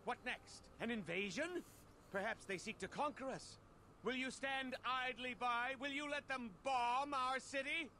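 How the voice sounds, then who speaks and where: An actor playing a fiery rebel agitator in a video game, declaiming with passion to incite a mob. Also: male voice, very high voice, unhurried, background noise. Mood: indignant. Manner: impassioned, declamatory. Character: fiery male rabble-rouser inciting a mob to revolt. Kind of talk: video game acting, public oration.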